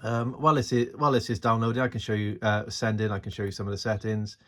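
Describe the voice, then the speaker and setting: In a noisy phone recording, a man with a lowish, fairly bright voice talks quickly in a level tone while making an amateur radio tutorial. He thinks aloud in an unscripted, hesitant way as he goes over his screen and gear.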